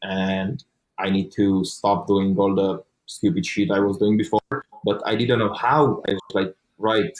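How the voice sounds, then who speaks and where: Speaking English as a second language, a young interview guest earnestly tells his own story, with plenty of restarts and offhand swearing. His deep voice is flat and a little slow, and the audio is poor.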